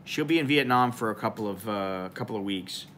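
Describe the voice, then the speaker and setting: A man's voice: fairly low pitch, brisk, a bit bright, a little hiss or hum. A man in his forties rambling casually and informally on a live stream, with plenty of fillers, filmed close up by a camera in a small indoor room.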